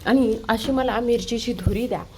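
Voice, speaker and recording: A woman's voice: on the high side, moderate pace, a little hiss or hum, natural voice. A woman voicing a young man who pleads and apologizes to his wife in a TV serial recap. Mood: pleading.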